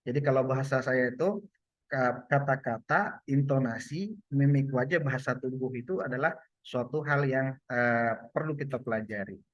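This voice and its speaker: A man's voice: medium pitch, normal speed, dry recording. A man giving a loose online training on communication, with many fillers and restarts. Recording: muffled lo-fi sound.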